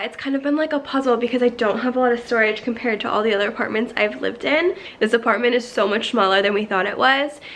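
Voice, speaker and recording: A young woman chatting casually through a tour of her small apartment, sounding a little worn from illness and slightly out of breath, with frequent fillers and light laughs. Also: a little high. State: recovering from illness, slightly congested. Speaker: vlogger. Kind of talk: casual home tour vlog.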